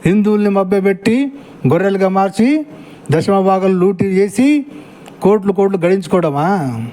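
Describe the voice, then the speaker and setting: Scornful high-voiced male commentator. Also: animated, moderate pace, dark tone, low-quality recording. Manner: scornful, insulting, mocking. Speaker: commentator reacting to clips. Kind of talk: angry reaction commentary.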